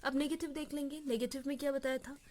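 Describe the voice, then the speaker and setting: A woman with an Indian accent teaching English grammar in Hindi, patiently repeating each rule and slowing down to read out example sentences. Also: high-pitched, steady tone, a little mellow. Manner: patient, repeats rules and checks in with "ठीक है".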